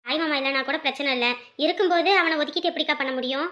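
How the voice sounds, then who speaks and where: A woman's voice: high voice, rapid-fire, sharp tone. A woman playing an anxious village mother, pleading and laughing through tears. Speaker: mother of the girl. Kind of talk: village drama acting.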